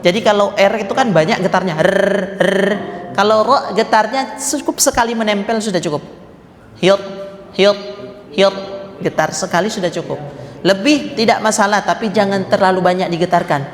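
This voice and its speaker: In a mosque, a man with a fairly high voice and a slightly quick pace teaches Quran recitation, patiently demonstrating each sound and repeating it for his students. It's a slow, step-by-step lesson, and the room is echoey with long reverb.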